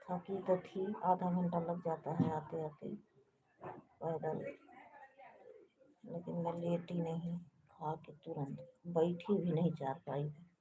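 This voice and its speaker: A woman hosts a casual live stream from a balcony outdoors at home, chatting with viewers in a soft, hushed way. Her voice sits fairly low and stays flat, with little rise and fall. The phone recording is noisy behind her. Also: takes it slowly, long pauses. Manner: speaks softly and hushed to avoid waking others.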